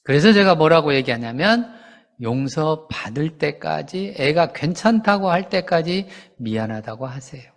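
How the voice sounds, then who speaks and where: A pastor delivers a sermon in a conversational, animated style, tossing out rhetorical questions and briefly acting out quoted parents and children. His voice is a little high and a little slow, with long hall reverb on the recording.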